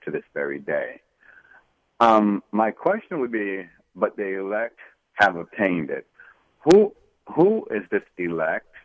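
A man's voice: low-pitched, no echo. A man from Florida calling in to a radio show over a phone line, hesitant with many ums and restarts. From Florida, USA. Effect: radio show caller over a phone line. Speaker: caller to a radio call-in show. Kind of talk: call-in question to a Bible teacher. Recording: tinny phone line, dry.

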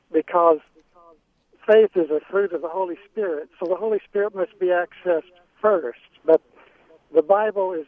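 A man's voice: high voice, no room sound. A man calling in to a radio show, speaking hesitantly with many ums and restarts. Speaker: caller. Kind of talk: phone-in question. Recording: tinny phone line.

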